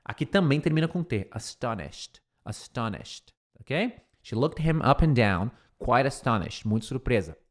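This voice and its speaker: Lively Brazilian man teaching English. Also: medium pitch. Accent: Brazilian Portuguese. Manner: lively, repeats English words slowly to drill pronunciation. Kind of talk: English lesson explained in Portuguese.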